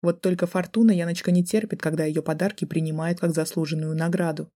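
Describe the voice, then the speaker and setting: A woman narrator voicing a mocking, menacing young male student in an audiobook, speaking low and soft in a taunting way. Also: steady tone, fast, lightly acted. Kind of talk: audiobook character voice.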